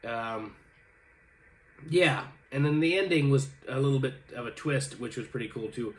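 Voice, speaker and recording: A man's voice: medium pitch, moderate pace. A young adult man hosting a casual show, answering viewer comments in a rambling, self-deprecating way with many fillers and restarts. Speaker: host reading viewer comments.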